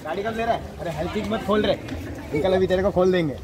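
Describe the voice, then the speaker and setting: A young man from Surat, India, talks fast in a high-pitched voice while vlogging outdoors in his housing society. In this casual vlog chat he teases and coaxes the neighborhood kids, and the street around him is noisy.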